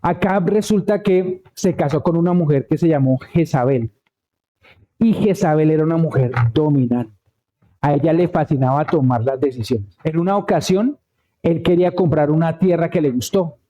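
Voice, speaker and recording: A man's voice: fairly high pitch, moderate pace, highs cut off. A man preaching a conversational sermon, telling a Bible story and checking in with the congregation. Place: church.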